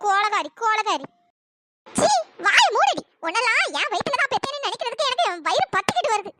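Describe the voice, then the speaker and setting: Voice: very high voice, big pitch swings, rapid-fire, background noise. A performer voicing an old grandmother in a cartoon story who comforts her granddaughter tenderly and scolds her own daughter furiously. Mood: furious scolding. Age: older. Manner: scolding, shouting. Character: fierce loving old grandmother, sharp-tongued.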